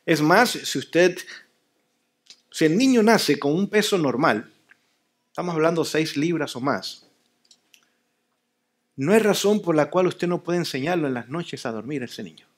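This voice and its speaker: A man preaching a sermon in a church, his voice sitting high for a man. He presses his points hard, says them twice, and lets the ends of his phrases sink quiet and low. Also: expressive, a little slow, pauses often. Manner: emphatic, repeats key phrases, drops to soft low endings. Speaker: pastor. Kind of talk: sermon at a family seminar.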